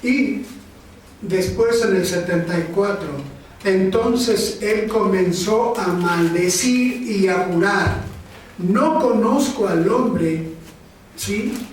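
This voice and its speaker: A man preaches in a high, unhurried voice, often pausing to check in with his listeners. He sounds set back from the mic, his words ringing through a very echoey church. A faint hum sits under the whole recording. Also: recorded from a distance. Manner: slow, conversational preaching with frequent "¿sí?" and "este". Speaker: pastor. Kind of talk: sermon.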